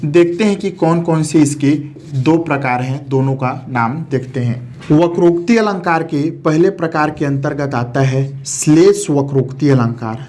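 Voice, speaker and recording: A man's voice: fairly high pitch, a little mellow. Man teaching with repeated rhetorical questions. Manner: repeats key terms and asks rhetorical questions. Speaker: Hindi grammar teacher. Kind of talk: explanatory lesson.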